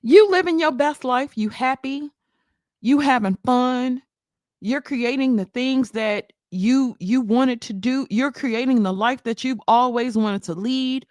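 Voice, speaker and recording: A woman's voice: fairly high pitch, slow, a little mellow, no echo. Sassy, laughing woman streamer, dry mic. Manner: sassy, laughing, emphatic rhetorical questions. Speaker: commentary streamer. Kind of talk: casual commentary stream.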